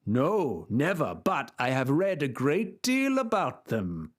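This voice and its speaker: A man's voice: medium pitch, huge pitch swings, takes it slowly, exaggerated voice. A man voicing Don Quixote, a deluded, grandiose old knight, speaking in a formal, theatrical way. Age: older.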